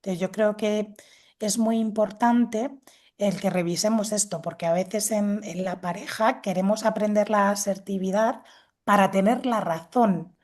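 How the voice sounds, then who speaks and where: A woman's voice: mid-range voice, measured pace, darkish tone. A woman, a guest expert patiently explaining assertiveness techniques and acting out example dialogues. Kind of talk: explanatory talk with acted examples.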